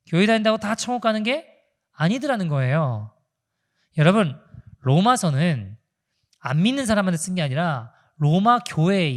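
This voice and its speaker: A male pastor preaching a sermon, asking the congregation questions and acting out quotes. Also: sits high. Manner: animated preaching with rhetorical questions and acted-out quotes. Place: church in Toronto.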